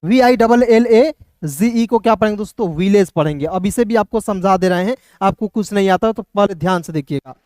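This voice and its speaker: A man's voice: high-pitched, fairly quick, darkish tone, no echo. Male tutor, drill-style lesson, dry close sound. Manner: repetitive, asks and answers his own questions. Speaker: English teacher. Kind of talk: beginner phonics lesson.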